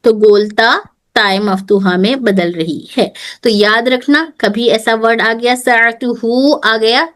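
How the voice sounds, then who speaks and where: A woman's voice: on the high side, a bit bright. Woman teacher, repeating and checking often. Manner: mixes Hindi with English phrases. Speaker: Arabic teacher. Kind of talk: online grammar class.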